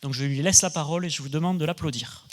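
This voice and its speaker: Higher-voiced male host in a reverberant hall. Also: fast, noisy background. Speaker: conference host introducing a speaker. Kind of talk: spoken introduction to an audience.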